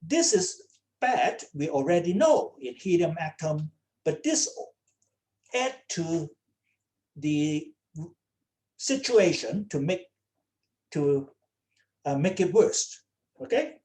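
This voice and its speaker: Slow-spoken woman lecturing with many "okay?"s. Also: deep voice, very animated, a little mellow. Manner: checks in with students often, repeating "okay?". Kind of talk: online lecture. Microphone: computer mic on a video call.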